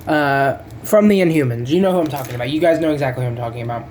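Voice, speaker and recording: Rambling, laid-back figure reviewer at a middling pitch, loses track of names and swears offhandedly. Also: very fast, noisy background. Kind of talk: casual unboxing review.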